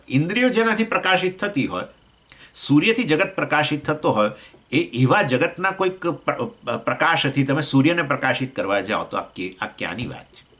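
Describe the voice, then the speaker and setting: Gujarati-accented male swami teaching scripture; bright, questioning, lively teacher. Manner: explains with questions to listeners, acts out voices of elements; pitch swings between raised points and low asides. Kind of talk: scripture class lecture.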